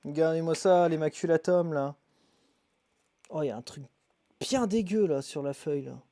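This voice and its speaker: A man live-streaming as he sorts his isopod boxes, muttering asides with quick bursts of excitement. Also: on the high side, no room sound, studio quality. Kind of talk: casual live-stream chat while handling animals.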